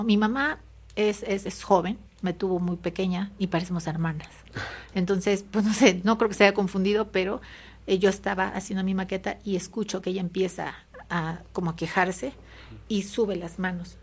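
A woman's voice: mid-range voice, steady tone, normal speed, husky. A Mexican woman telling a personal story in an interview, hesitant and full of fillers and tag questions. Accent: Mexican Spanish. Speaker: interview guest.

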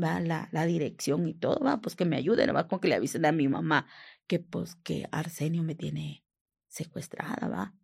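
A woman with a northern Mexican accent giving personal testimony, halting and often sinking to a whisper. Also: fairly low pitch, vocal fry, slightly rough. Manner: hushed, often dropping to a whisper, frequent tag questions; halting, with repeated restarts.

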